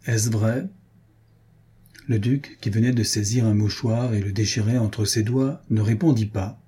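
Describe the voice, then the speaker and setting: Man narrating a novel, measured reading, dark tone, husky. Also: on the low side, steady tone. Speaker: audiobook narrator.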